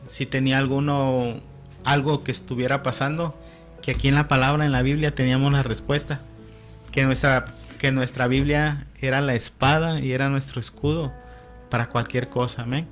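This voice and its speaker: A man's voice: medium pitch, level tone, moderate pace, faint music behind. A man telling his personal testimony as a radio guest, often adding "amén" and quoting conversations. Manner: storytelling, with frequent "amén" and quoted dialogue.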